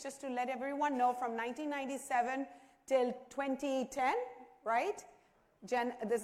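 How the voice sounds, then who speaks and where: A woman with a Pakistani accent giving a conversational presentation to an audience, engaging listeners with direct questions. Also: a little high. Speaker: conference speaker. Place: large indoor event hall. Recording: echoey hall with long reverb.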